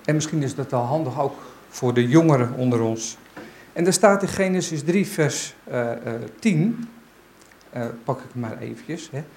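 A man speaking at a church gathering, giving an informal Bible talk and reading aloud. His delivery is halting and unsure, as he searches for his words. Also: mid-range voice, a little mellow, a little hiss or hum, low-quality recording.

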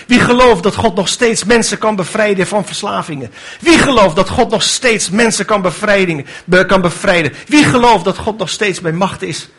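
A man's voice: high voice, a bit bright, slightly rough. A man preaching a sermon with fervent delivery, building to emphatic rhetorical questions.

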